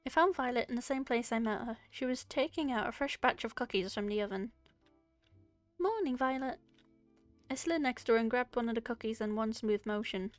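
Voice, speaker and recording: A woman streamer reading a visual novel aloud, narrating with lively expression. Her voice is a little high and sounds close and dry, with soft music playing faintly behind her. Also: fast, hardly any pauses, dry recording.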